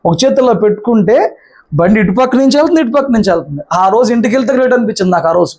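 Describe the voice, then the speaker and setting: A man preaching with a high-pitched voice, pressing his point through repetition and rhetorical questions. He speaks as a pastor addressing a church congregation. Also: animated, very fast, a little mellow. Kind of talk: sermon.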